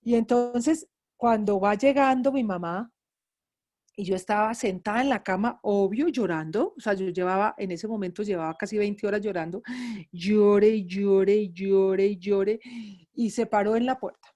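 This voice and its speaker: A woman's voice: medium pitch, normal speed, darkish tone. A middle-aged woman from Antioquia, Colombia, with an Antioquian accent, a grief psychologist telling her own story to a class, emotional and repeating words for emphasis. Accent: Antioquian Colombian Spanish. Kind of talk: personal testimony in a lecture.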